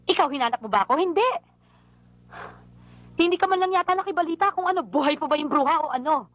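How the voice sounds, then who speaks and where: A woman's voice: high-pitched, expressive, dry recording, muffled recording. An actress playing an unmarried woman who scolds her long-absent lover in an emotional film scene. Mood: reproachful. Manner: emotional, reproachful, rapid complaining. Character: unmarried woman, hurt and longing, outspoken. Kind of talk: film drama acting.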